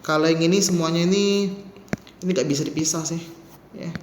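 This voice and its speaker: A man with a fairly high voice leads a beginner language lesson, counting character strokes one by one and chatting loosely between them. He sounds roomy and echoey, with faint background noise. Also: steady tone, a little mellow. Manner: counts character strokes aloud slowly, casual asides. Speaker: Mandarin teacher.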